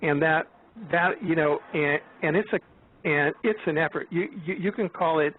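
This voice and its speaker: A man in his seventies, a guest on a call-in show, talking in a halting way with many restarts and fillers. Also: on the high side. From United States. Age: 70s. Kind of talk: casual chat. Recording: tinny phone line.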